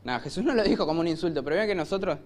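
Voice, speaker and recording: A man with a Rioplatense Spanish accent preaching a sermon in a church, telling the story vividly and acting out shouted lines. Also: a little high, animated, racing. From Argentina. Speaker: pastor.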